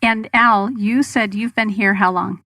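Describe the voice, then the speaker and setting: A woman's voice: mid-range voice, steady tone, measured pace, pushed and bright, dry recording, clean studio sound. A middle-aged woman with an American accent, hosting an interview in a chatty, colloquial way. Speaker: interview host. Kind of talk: casual conversational interviewing.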